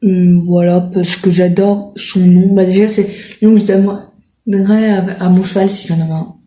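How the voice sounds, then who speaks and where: Warm in tone but flat in delivery, this woman speaks at a moderate pace and medium pitch. She's a video creator showing riding-school horses in a casual chat with viewers, full of hesitations, filler sounds, and self-corrections, recorded with a roomy echo.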